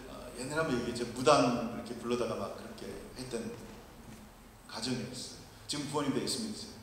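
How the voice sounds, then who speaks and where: A man's voice: medium pitch, slight background noise. A male missionary preaching a sermon, telling stories and asking the congregation questions. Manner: storytelling, asks the congregation questions. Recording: very echoey long-reverb hall, mic far off.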